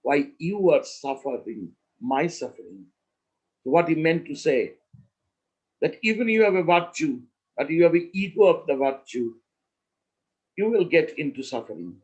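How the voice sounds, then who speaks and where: A man as a spiritual teacher, telling a story in a slow, measured way with emphatic pauses. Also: a little high, animated, husky, highs cut off.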